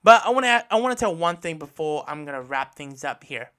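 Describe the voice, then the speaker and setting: This podcast host is an Australian man whose fairly high, sharp voice is expressive and moves a little fast. Talking solo and casually, he reviews anime with earnest enthusiasm, often circling back to repeat or reword what he just said.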